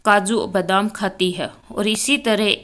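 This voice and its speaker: A woman narrates a family tale in a slow, unhurried way. Her voice sits at an ordinary middle pitch. She reads steadily and names each character before voicing their lines. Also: steady tone, a bit bright. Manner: unhurried storytelling delivery, voicing each character by name cue. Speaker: storyteller. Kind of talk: scripted narration of a family story, reading all parts.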